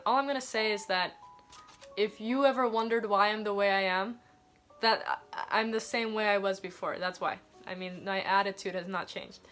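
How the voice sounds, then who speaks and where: A woman's voice: medium pitch, a bit bright. A twenty-year-old woman chatting casually and reading aloud in an embarrassed, self-mocking way, with theatrical asides. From Thailand. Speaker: vlogger reading her teenage diary. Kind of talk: casual chat mixed with reading aloud from a diary.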